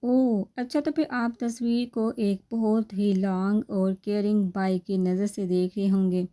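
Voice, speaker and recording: A woman reads a comic family novel aloud at a measured pace, handling both narration and the characters' dialogue. Her voice stays even and low-key, lifting slightly for quoted lines.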